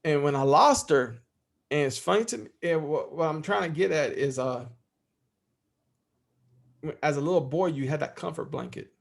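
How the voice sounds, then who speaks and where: Gravelly middle-aged man, heartfelt and blunt. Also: a little high, lively intonation, moderate pace, long pauses. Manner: heartfelt, swears freely. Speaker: podcast guest. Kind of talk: candid interview talk.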